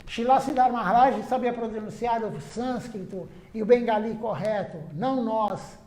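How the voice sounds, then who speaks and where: A man's voice: high-pitched, fairly even intonation, moderate pace, darkish tone, echoey room. A man giving an earnest devotional sermon at a temple, stressing his points by repeating them. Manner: earnest, repetitive emphasis. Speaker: temple speaker. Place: temple hall.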